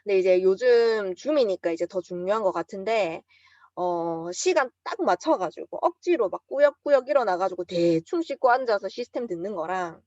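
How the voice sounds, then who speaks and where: Woman, Busan accent, seminar talk, animated storyteller, dry slightly dull recording. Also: mid-range voice, no room sound. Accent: Busan Gyeongsang. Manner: lively storytelling, acts out quotes with bursts of emotion. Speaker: business speaker giving a seminar talk.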